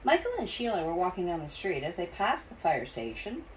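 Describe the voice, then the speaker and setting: An older woman reading a children's storybook aloud in an expressive grandmotherly way. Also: fairly low pitch, brisk, slight background noise, low-quality recording.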